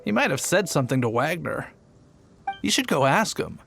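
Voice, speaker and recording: A man's voice: on the high side, very animated, moderate pace, vocal fry, a bit bright, soft background music, full character voice. A man playing an easygoing young city guard in an English game dub, with a casual, nonchalant, chatty manner. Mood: easygoing, thoughtful.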